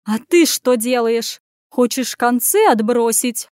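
Haughty noble lady voiced by a woman, shrill, accusing, high drawn-out lines, dry sound. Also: a little mellow, no echo, natural voice. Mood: scolding.

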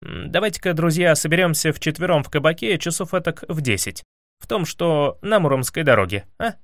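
Storybook casting: a sociable young warrior, played by a man, chummy and casual, lively pitch. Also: a little fast, no echo, clean studio sound. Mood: jovial. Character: jovial young male warrior, sociable and easygoing.

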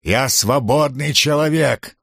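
A man voicing a boastful, brawny drunken gladiator who booms and blusters in an audiobook. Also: very animated, moderate pace, dry recording, studio quality, natural voice. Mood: defiant. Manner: booming and blustering.

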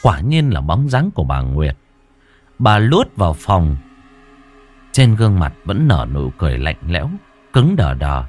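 A man narrating a scripted horror story in a dramatic, drawn-out storytelling manner. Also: low-pitched, sing-song, darkish tone. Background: faint music.

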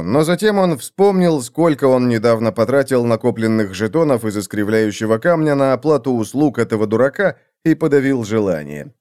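A man narrating a fantasy audiobook at a measured, even storytelling pace. His voice sits in an ordinary middle pitch for a man. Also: clean tone.

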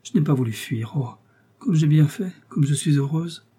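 A man's voice: mid-range voice, moderate pace, dark tone, breathy edge, close to an everyday voice. A man reading an audiobook voices a frightened young woman, loving and faint, who pleads breathlessly. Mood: anguished.

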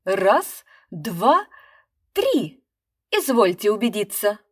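A woman's voice: medium pitch, sing-song, extremely slow, breathy edge, full character voice. A woman voicing a nervous, shabby male stage magician with a trembling, apologetic patter. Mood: showman patter.

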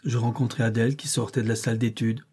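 A man narrating a classic novel as an audiobook reader, in a steady, measured way. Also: medium pitch, husky. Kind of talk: scripted narration.

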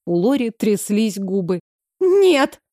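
A woman reading a first-person novel with a wry, lively touch, her voice at a middling height. The recording is dry and close, with no room echo at all. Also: mid-range voice, normal speed. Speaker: audiobook reader. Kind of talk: first-person fiction narration.

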